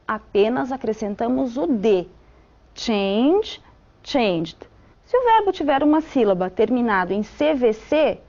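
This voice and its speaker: A woman teaching an English grammar lesson, slowly spelling out rules step by step. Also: sits high, darkish tone, lo-fi sound.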